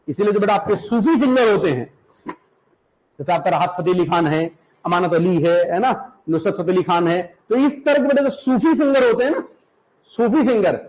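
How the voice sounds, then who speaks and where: The recording is poor, and the speaker's voice is high-pitched. He is a male teacher from the Uttarakhand hills, lecturing a class, slowly repeating words for students to write down and frequently making sure they understand.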